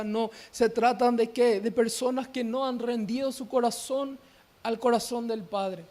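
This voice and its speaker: High-voiced man preaching a youth sermon. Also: darkish tone. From Paraguay. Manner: asks rhetorical questions and answers them himself; quick, emphatic preaching that slows sharply on key words. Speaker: youth pastor.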